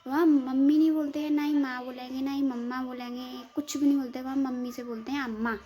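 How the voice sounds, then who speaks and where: A woman's voice: high voice, little pitch movement, fast talker, mellow. A woman from northern India telling a rambling story to her viewers in a casual vlog, often calling them friends. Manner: chatty, rambling, keeps saying "friends" to viewers. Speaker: vlogger.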